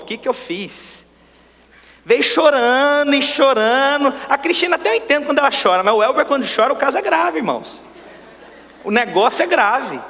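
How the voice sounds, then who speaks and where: A male pastor preaching a sermon, swinging between loud exclamations and hushed asides. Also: very high-pitched. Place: church sanctuary. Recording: long church-hall reverb.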